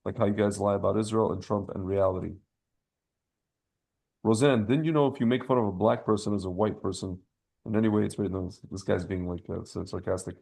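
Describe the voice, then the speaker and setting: Casual and full of opinions, a podcast host rambles in slang, frequently circling back on phrases or leaving them unfinished. His voice is fairly low and gravel-edged with lots of fry, warm in tone, a little fast, and fairly even in intonation.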